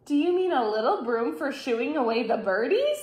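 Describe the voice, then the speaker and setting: A woman voicing a calm, curious young boy in a storybook reading, with a gentle, questioning way of talking. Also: high voice, normal speed. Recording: roomy echo.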